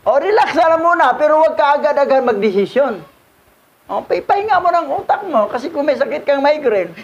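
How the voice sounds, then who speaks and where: A man's voice: extremely high pitch, very animated, fairly quick, lo-fi sound. A man teaching as a religious instructor, commenting on a reading in a casual, repetitive way, chuckling and mixing in English words.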